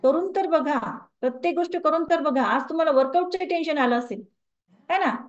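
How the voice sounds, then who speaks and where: A high-pitched woman teaches a wellness class and turns often to the group with questions. The recording sounds dull and lo-fi. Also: fairly quick. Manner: conversational, asks the audience questions. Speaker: wellness coach. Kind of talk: lecture to a group.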